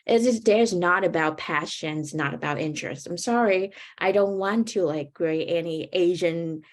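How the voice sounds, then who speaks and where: A woman's voice: fairly low pitch, moderate pace. A young woman with a Vietnamese accent, answering as a panelist with earnest storytelling and frequent ums.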